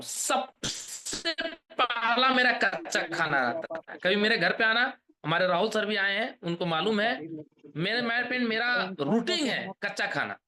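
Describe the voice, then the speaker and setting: A man in his thirties giving an energetic sales pep talk on a video call, rousing the audience with questions and chants. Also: very high voice. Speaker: motivational trainer.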